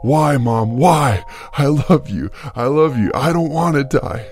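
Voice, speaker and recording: A man's voice: mid-range voice, expressive, measured pace, a little mellow, slight background noise, voice pushed up. A man voicing a terrified young son who pleads and cries out in fear, with faint music behind. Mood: terrified shouting. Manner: frightened, pleading, crying out.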